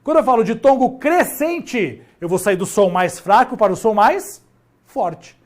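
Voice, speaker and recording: A male teacher giving a grammar lesson, stretching key words and asking himself questions as he goes. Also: sits high. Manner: animated, drawn-out emphasis on key words, talks to himself.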